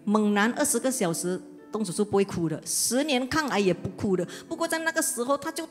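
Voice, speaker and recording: A middle-aged woman pastor from Indonesia, giving an earnest personal testimony sermon with hesitant pauses. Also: on the high side, animated. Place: church auditorium. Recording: long hall reverb with soft music. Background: soft instrumental music.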